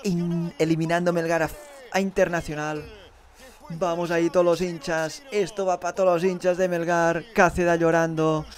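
A young man with a Spanish accent from Spain, giving an excitable, swearing live reaction to a football penalty shootout. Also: fairly high pitch, moderate pace, soft background music.

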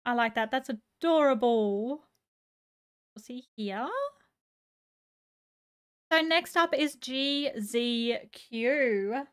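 A bubbly woman live streamer with a high voice, chatting casually, greeting viewers and gushing as she reads chat aloud. Her voice is going a little hoarse. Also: very slow, long pauses.

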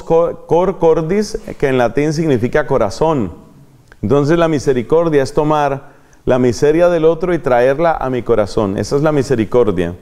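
A man's voice: on the high side, a little mellow. A man with a Colombian accent preaching a retreat sermon, repeating key phrases for emphasis and answering his own questions. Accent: Colombian Spanish.

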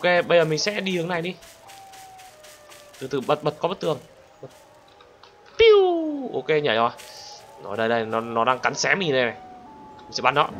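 A young man commentating a game, excitable and talking straight to viewers, bursting into panicked shouts. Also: a little high. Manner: talks to viewers directly. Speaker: gaming channel host. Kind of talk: let's play commentary. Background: loud game music.

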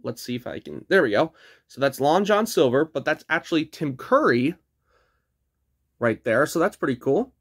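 A man's voice: fairly high pitch, big pitch swings, moderate pace, a bit bright, breathy edge. A man casually reviewing a DVD for his channel, chatty and eager as he points out what he is showing.

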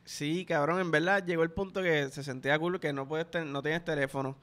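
A man's voice: a little high, steady tone, a little fast, a bit bright. A young man with a Puerto Rican accent, telling loose, profane stories in casual podcast chat. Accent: Puerto Rican Spanish. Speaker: podcast host.

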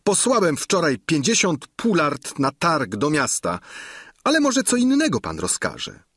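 Audiobook casting: slippery, boastful innkeeper, read by a man, raised voice, husky tone, dry sound. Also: a little high, huge pitch swings, unhurried, a bit bright, no echo, voice pushed up, exaggerated voice. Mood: evasive. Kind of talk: audiobook reading.

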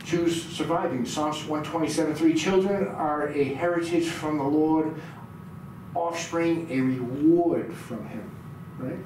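A man's voice: on the high side, unhurried. Middle-aged male pastor preaching, quizzes listeners, roomy echo, distant mic. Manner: reads scripture aloud and quizzes the audience. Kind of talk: sermon. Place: small church room indoors. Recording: very echoey room, heard from afar, noisy.

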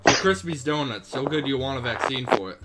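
A man's voice: mid-range voice, lively intonation, brisk, rough recording. A young man hosting a casual online video chat with friends, joking and laughing often. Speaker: video host chatting with strangers.

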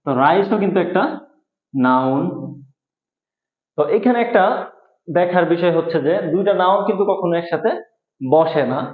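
A man with a fairly high voice teaching a grammar lesson, explaining step by step and repeating each rule. His voice comes through a thin, phone-like band in an echoey room. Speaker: English teacher.

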